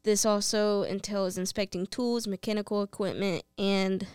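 Woman, young adult, very smooth clear voice, playful co-host, casual teasing chat, dry recording. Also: medium pitch, steady tone, moderate pace, darkish tone, no echo. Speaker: podcast co-host. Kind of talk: casual chat, reacting and reading aloud.

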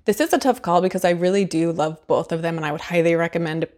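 A woman's voice: on the low side, fast talker, darkish tone. A woman giving a casual, chatty book and movie review to camera, laughing often and using a lot of fillers.

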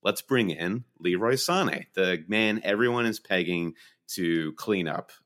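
A man with a very low voice talks fantasy football in a casual, rambling way. He tells his stories with animation and sometimes slips into quick put-on voices. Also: animated, a bit bright. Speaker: podcast co-host.

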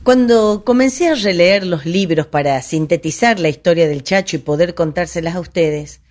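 Chatty, low-voiced woman. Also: darkish tone. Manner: conversational and digressive, with restarts and asides. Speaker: history presenter. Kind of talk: informal history talk to an audience.

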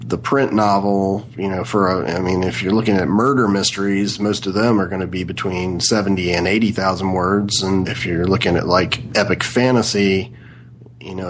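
A man with a gravelly voice, an author chatting casually as an interview guest. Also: fairly low pitch, slight background noise, poor audio.

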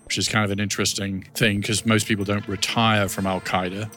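A man's voice: lowish voice, flat delivery, a little fast, pushed and bright, soft background music. A man speaking as an expert commentator in an unscripted interview, conversational and explanatory.

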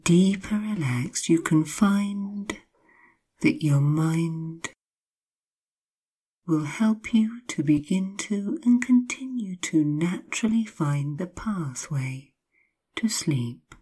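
A woman narrating a guided sleep hypnosis like a sleep story, hushed and soothing, often slipping into whispers, with drawn-out, repeated phrases. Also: lowish voice, expressive, husky. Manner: drawn-out, repetitive phrasing with long pauses.

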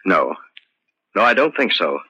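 An actor playing a curt, scheming husband with a brisk, clipped delivery in 1940s radio drama style. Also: male voice, sits low, sing-song, sharp tone, husky, dull audio, full character voice. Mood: brisk, dismissive. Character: curt, scheming husband dismissing his servant. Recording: faintly noisy old radio recording.

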